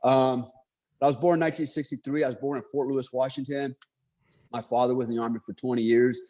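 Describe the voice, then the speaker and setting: Man, fifties, mid-range pitch, motivational speaker, personal storytelling, rambling with fillers and asides. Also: fairly even intonation, fast talker, dark tone. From Germany. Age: 50s.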